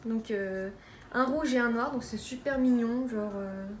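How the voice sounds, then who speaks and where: A French beauty vlogger, a young woman with a slightly high voice, chats casually through a beauty haul with lots of fillers and trailing restarts. She speaks unhurriedly, recorded at home in an echoey room with steady background noise.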